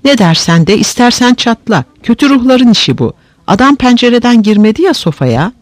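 A man voicing an excitable, easily frightened village weaver in a read-aloud story, blustering and agitated. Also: very high-pitched, brisk, no room sound, voice pushed up.

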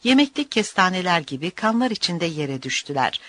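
A narrator reading a novel aloud as an audiobook, in an expressive storytelling manner. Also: mid-range voice, brisk, no echo.

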